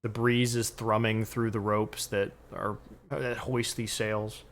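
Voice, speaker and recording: A man's voice: fairly low pitch, little pitch movement, slow. A man narrating a tabletop game as game master, describing scenes with frequent fillers.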